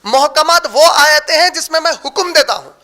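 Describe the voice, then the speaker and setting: An Islamic preacher with an extremely high, sharp-toned voice delivers a religious lecture on prayer rulings. He explains terms step by step, poses rhetorical questions and answers them himself, and slows down to stress key words.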